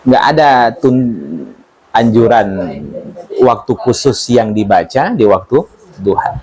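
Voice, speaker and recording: A man's voice: mid-range voice, lively intonation, slow pace, darkish tone. A man teaching a religious study class, talking informally, joking and asking his listeners questions. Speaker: Quran teacher.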